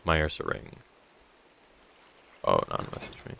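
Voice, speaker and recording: A young man hosting a game server talks unhurriedly on his live stream, with a noisy background behind him. He responds to chat and rambles casually, and his voice comes across as somewhat strained.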